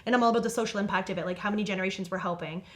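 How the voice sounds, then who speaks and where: A woman, a podcast guest telling casual stories in a candid, animated way, swearing freely and laughing as she goes. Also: mid-range voice, very fast. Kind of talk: casual storytelling.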